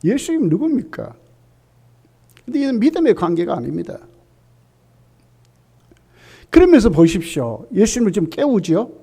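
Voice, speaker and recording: A male pastor with a notably high-pitched voice delivers an emphatic sermon. He presses his points with repeated rhetorical questions that climb in pitch and force. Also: sing-song, fairly quick, creaky, slightly rough. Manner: emphatic preaching, rising to loud peaks on repeated questions.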